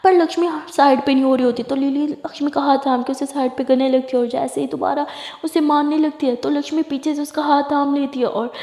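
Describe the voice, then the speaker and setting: A woman telling a serialized love story, narrating it in a brisk, dramatic way. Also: high voice, level tone, warm tone. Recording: echoey hall reverb.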